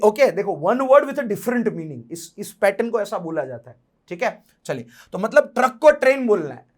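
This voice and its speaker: A young man teaching an exam-prep lesson in a casual, joking way, slowing down to read questions aloud. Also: very high voice. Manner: chatty, jokey, slows down to read English questions aloud.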